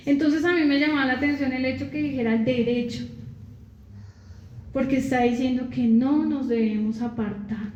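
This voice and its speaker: A woman preaching a sermon, slow and repetitive, often asking the listeners to answer. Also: high-pitched, reverberant, lo-fi sound. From Colombia. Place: church.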